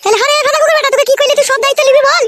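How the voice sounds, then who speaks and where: Female actor as very high, rapid scolding wife; noisy lo-fi. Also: fairly even intonation. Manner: shrill scolding, rapid insults. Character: nagging scolding young wife, sharp-tongued. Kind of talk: adult comedy cartoon dubbing.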